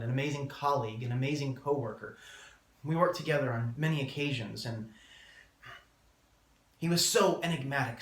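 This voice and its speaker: A man delivering a prepared eulogy as a speech, solemn and measured, with deliberate pauses. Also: fairly high pitch, fairly bright tone. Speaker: student speaker giving a eulogy. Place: indoor room, public speaking class. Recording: roomy, echoing room sound.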